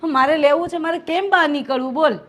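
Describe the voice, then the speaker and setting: An actress playing a hardworking, resentful daughter-in-law who complains constantly, with a Gujarati accent. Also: female voice, high voice, quick pace, close to an everyday voice. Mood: impatient. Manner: complaining, aggrieved.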